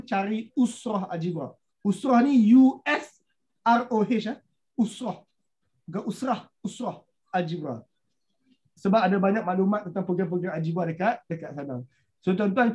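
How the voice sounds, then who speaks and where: A man with a Malaysian Malay accent teaching an online Quran study class over a video call, telling the story in a lively way and acting out the dialogue. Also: sits high. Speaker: religious teacher.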